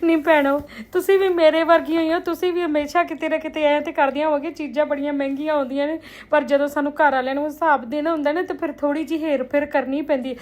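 A woman's voice: high voice, steady tone, fast, hardly any pauses, a little mellow. A woman from India telling everyday household stories in a casual, chatty vlog, confiding in viewers like girlfriends. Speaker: vlogger.

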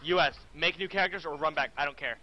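A man streaming a game live, chatting casually, bossing his viewers around with excitable, profane outbursts. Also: a little high, quick pace, highs cut off.

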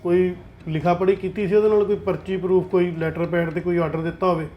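An actor playing a troubled firm owner who talks calmly and reasons with an angry client, with a Punjabi accent. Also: male voice, high-pitched, quick pace, muffled recording, a little hiss or hum, lightly acted. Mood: placating. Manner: soothing, reasoning. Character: troubled male firm owner, placating and weary. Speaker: office owner.

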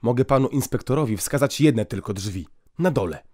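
A man's voice: mid-range voice, moderate pace, no room sound, natural voice. Man reading as a stern old-school priest, cold and firm, dry close mic. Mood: calm. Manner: calm, cold and firm, gruff when scolding. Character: stern, strong, gruff male priest prefect.

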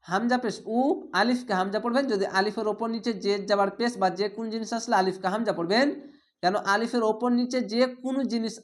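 Female Quran reading teacher, patient step-by-step spelling lesson, slow chanted blending of words. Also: on the high side, fairly even intonation. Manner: spells letters and vowel marks aloud, then blends them slowly; drawn-out chanted recitation of each word.

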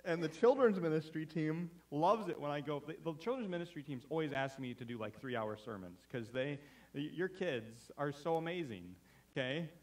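A man's voice: on the high side, lively intonation, moderate pace, far from the mic. A man preaching a sermon as pastor, chatty and self-deprecating, often stumbling and restarting mid-sentence. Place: church sanctuary.

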